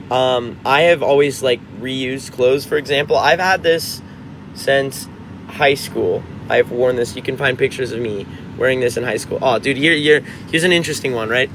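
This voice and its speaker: A man's voice: mid-range voice, a bit bright, a little hiss or hum. A man in his twenties, a musician chatting casually on a livestream, reading out comments and rambling with frequent restarts. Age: 20s.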